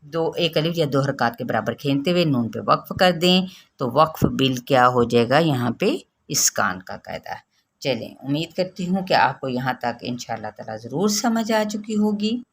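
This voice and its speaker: A woman teaching a Quran recitation lesson, explaining patiently step by step and drawing out recited words slowly. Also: very deep voice, lively intonation. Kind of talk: tajweed lesson.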